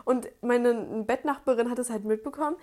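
A woman's voice: fairly high pitch, a little fast, darkish tone. A young woman in casual chat, retelling things in a chatty, slangy way.

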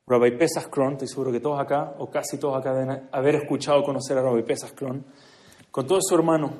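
A man giving an earnest religious speech to a gathering, moving between hushed and emphatic delivery. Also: mid-range voice. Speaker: speaker at a community prayer gathering. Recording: echoey room.

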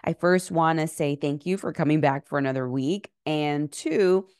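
A woman's voice: deep voice, normal speed, darkish tone, clean tone, no echo, clean studio sound. A woman hosting a casual relationship podcast, speaking emphatically with slightly slurred speech from a numb, swollen face after dental surgery. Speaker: podcast host and relationship coach.

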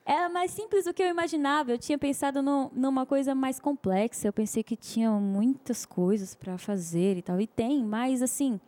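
A young woman with a Brazilian accent, a singer guest telling her story in a giggly, animated way. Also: sits high, normal speed, hardly any pauses. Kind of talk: casual interview.

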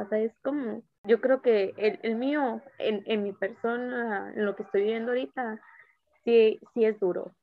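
A young woman with a Mexican accent tells a personal story of grief, halting and searching for her words. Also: a little high. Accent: Mexican Spanish. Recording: tinny phone-like sound.

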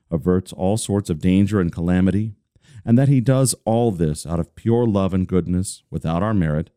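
Male reader, deep and dark-toned, deliberate devotional reading, dry close sound. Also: smooth, dry recording. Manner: deliberate, steady, slowing on listed phrases. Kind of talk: measured reading of a religious catechism.

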